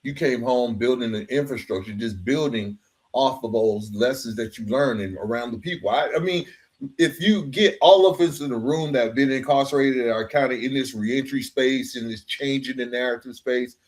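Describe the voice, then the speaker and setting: A podcast host with a medium-pitched voice speaks at a normal speed during a conversational interview. He is casual and reflective, affirming his guest and peppering his comments with slang.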